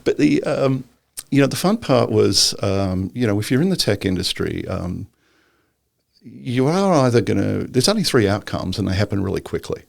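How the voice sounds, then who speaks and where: Deep gravelly man, rambling talk. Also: big pitch swings, moderate pace, no echo, clean studio sound. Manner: rambling, filler-heavy, joking. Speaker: guest entrepreneur. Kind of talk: casual interview chat.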